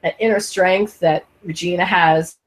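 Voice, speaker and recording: A female podcast host reviews a TV show in a casual, halting chat full of restarts, speaking into a headphone mic over an online call. Her audio is glitchy and keeps dropping out, while her lowish voice holds a steady tone.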